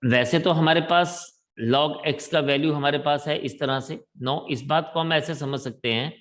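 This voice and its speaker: A man teaching math in a classroom lecture, talking slowly and deliberately in a mix of Hindi and English. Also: fairly high pitch, fairly bright tone.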